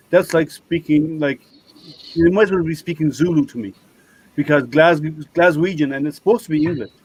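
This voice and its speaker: A man's voice: on the high side, poor audio. An Irish man hosting a casual group video call, chatting in a rambling way that keeps interrupting itself. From Ireland. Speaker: host.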